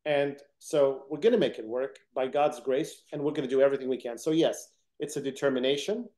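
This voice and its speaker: A man's voice: medium pitch, steady tone, a little fast, mellow. A middle-aged man, raised in Egypt and Sudan, telling his story as a guest in an interview in an earnest, determined way. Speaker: interview guest, company founder. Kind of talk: conversational interview.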